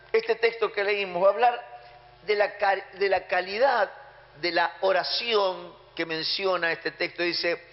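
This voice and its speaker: Argentine pastor guy preaching hard, highish voice, dull sound with long hall echo. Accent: Argentine Spanish. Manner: emphatic, with acted-out prayers. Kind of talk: sermon. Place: church hall. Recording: muffled sound in a reverberant hall.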